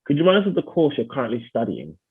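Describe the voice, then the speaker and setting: Brisk male interviewer on a tinny line. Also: medium pitch, huge pitch swings, slightly rough. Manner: brisk, questioning. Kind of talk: scripted interview questions. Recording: tinny phone-like line with crowd noise.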